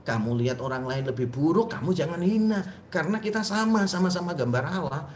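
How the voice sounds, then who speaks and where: A man's voice: a little high, lively intonation, fairly quick, slight background noise. A middle-aged man preaching as a pastor, telling family stories in a conversational way and acting out the dialogue. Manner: conversational storytelling, acts out dialogue. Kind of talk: sermon with personal stories. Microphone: webinar microphone. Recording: echoey room, faint ambience.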